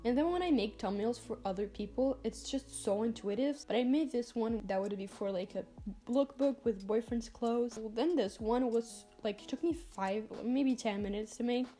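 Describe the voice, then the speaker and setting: Chatty teenage girl vlogger, bright-pitched. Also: normal speed. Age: teens. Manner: chatty, lots of "like" fillers, gushing. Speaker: vlogger and freelance designer. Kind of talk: casual vlog talk over screen recording.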